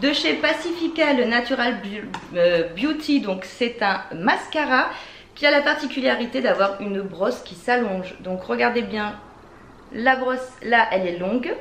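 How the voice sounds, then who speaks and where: A woman with a French accent chats her way through a beauty haul with easy enthusiasm and lots of little fillers. Her voice sits a little high. The room sounds echoey, with a faint hum of ambient noise behind her. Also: animated, measured pace, a bit bright. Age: adult with children. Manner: chatty, enthusiastic, many fillers. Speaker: beauty vlogger. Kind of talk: casual product haul.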